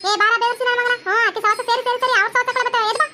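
A woman's voice: very high voice, little pitch movement, pushed and bright, slight background noise, voice pushed up. A woman voicing a fierce, foul-mouthed young daughter-in-law in a cartoon, hurling insults in a North Karnataka Kannada accent. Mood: defiant. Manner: defiant, insulting, rapid. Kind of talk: cartoon voice acting.

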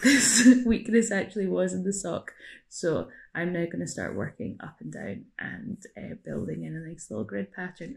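A woman's voice: medium pitch, gravelly, a little mellow. A young woman, demonstrating a craft in a casual, chatty way, often correcting herself mid-sentence and thinking aloud. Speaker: craft tutor. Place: small room indoors.

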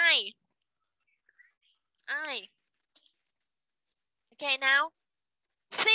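A woman teaching an online English class to children, repeating each letter and word slowly and praising her pupils. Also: sits high, pushed and bright, no room sound, poor audio. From Vietnam.

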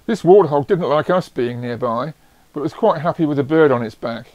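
A man giving scripted nature documentary narration in a measured, descriptive storytelling way. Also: fairly high pitch, darkish tone, dry recording, muffled recording. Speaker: narrator of own wildlife travel film.

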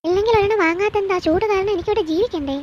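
A spoiled rich young bride in a cartoon skit, whiny and petulant, voiced by a woman. She talks quickly in a high voice, and the recording is dull and lo-fi with a faint hiss. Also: darkish tone. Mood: shrill, demanding. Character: spoiled rich young daughter-in-law, complaining and demanding.

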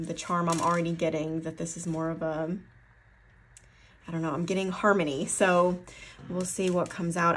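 A woman with an Appalachian accent giving a casual tarot card reading, rambling and correcting herself as she thinks aloud. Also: lowish voice. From Appalachian foothills, USA. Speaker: tarot reader.

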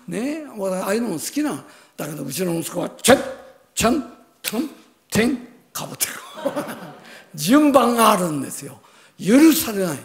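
An older man preaches in a gravelly voice, animated and expressive. He tells a personal story with sound words and small chuckles, and his pitch swings widely. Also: normal speed. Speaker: pastor.

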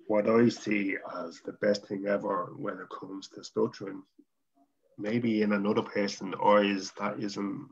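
A man from Ireland with a Dublin accent, a podcast guest talking in a relaxed way and stuttering at times. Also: lowish voice, creaky, dull audio. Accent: Dublin Irish. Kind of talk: casual interview chat.

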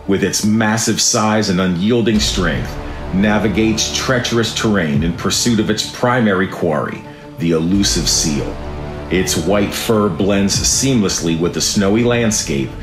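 A man's voice: lowish voice, roomy sound. A man reading scripted nature documentary narration in a dramatic, grandiose manner. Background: music.

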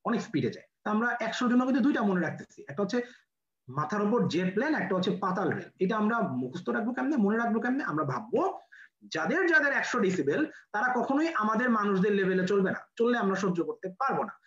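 Brisk Bangladeshi lecturer who drills the class with quick questions, recorded in a roomy, echoey space. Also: mid-range voice, sing-song, a bit bright, lo-fi sound. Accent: Bangladeshi Bengali. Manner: quizzes students with rhetorical questions, repeats key numbers. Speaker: medical admission physics lecturer.

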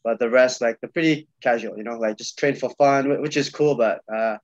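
Over a webcam video call from a small room, a young man from Malaysia who coaches jiu-jitsu talks casually as a podcast guest, often repeating himself and using fillers. He speaks fairly quickly in a mid-range voice with no echo, and the call audio is dull and dry.

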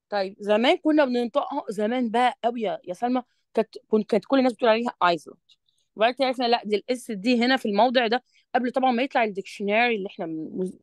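Speaking on the high side with no echo, a woman with an Egyptian Arabic accent tutors one student through an English revision lesson. She patiently explains, reads the English sentences slowly and deliberately, and often verifies that she's understood.

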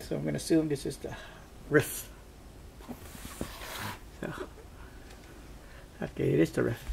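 Higher-voiced man with a creaky edge. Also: steady tone. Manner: halting, thinking aloud. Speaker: product reviewer. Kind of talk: casual unboxing and test narration. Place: indoors at a tabletop. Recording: faint background noise.

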